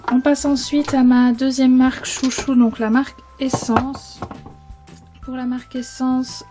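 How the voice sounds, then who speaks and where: A woman's voice: on the high side, warm tone. A woman with a Belgian French accent chatting casually as a video blogger, rambling a little and correcting herself as she goes. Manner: chatty, rambling, frequent self-corrections and fillers. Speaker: beauty vlogger.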